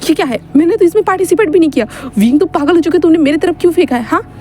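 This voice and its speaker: A woman voicing a flustered, indignant young man who protests in high-pitched outbursts. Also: lively intonation, racing, warm tone, soft background music, lightly acted.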